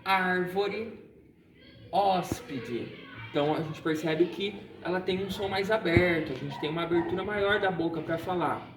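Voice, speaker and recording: A man's voice: high-pitched, brisk, hardly any pauses, over music. A man teaching a lesson, explaining patiently and often checking in with his students. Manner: patient, explanatory, frequent check-ins like "certo?" and "tá?". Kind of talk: recorded online lesson. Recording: echoey room, voice from a distance.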